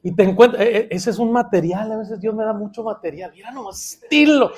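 High-voiced pastor preaching with playful asides. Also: male voice, fairly quick, slight background noise. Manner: playful, swings between loud emphasis and quiet asides. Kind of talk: sermon.

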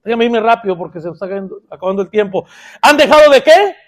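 High-voiced pastor preaching with playful asides. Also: male voice, animated, fast. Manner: playful, swings between loud emphasis and quiet asides. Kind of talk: sermon.

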